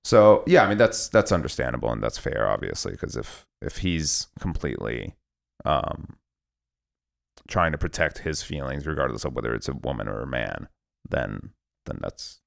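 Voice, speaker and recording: A man's voice: a bass voice, big pitch swings, moderate pace, gravelly, no room sound, clean studio sound. A man hosting a podcast, asking probing questions in a casual interview chat and often repeating his words as he starts a thought. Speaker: podcast host.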